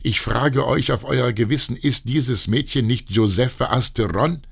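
A man voicing a fanatical shoemaker in a storybook, accusing and shouting, with a gravelly voice. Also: mid-range voice, normal speed, pitched above the performer's own voice. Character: fanatical male shoemaker inciting a mob.

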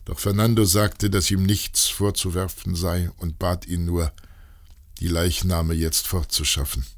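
A man reading a classic novella aloud in a dramatic, measured way. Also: low voice, level tone. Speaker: narrator. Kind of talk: scripted narration of a classic novella.

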